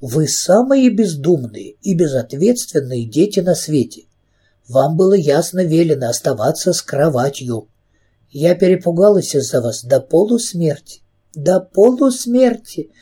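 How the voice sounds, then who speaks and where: Stern storybook governess witch, indignant and fussy, mellow husky tone, read by a man. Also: a little high, big pitch swings, a little slow, full character voice. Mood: scolding. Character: stern prim middle-aged governess witch.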